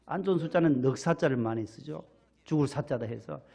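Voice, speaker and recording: Gravelly pastor, folksy. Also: male voice, fairly high pitch, fairly quick, warm tone. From Gyeongsang region, Korea. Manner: folksy, playful preaching with rhetorical questions to the congregation. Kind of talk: sermon.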